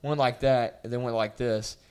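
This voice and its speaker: A young man on a casual podcast, telling a story in a lively way and acting out the voices of the people in it. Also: mid-range voice, normal speed, smooth. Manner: animated storyteller, acts out voices and hums loudly. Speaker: podcast co-host. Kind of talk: casual chat.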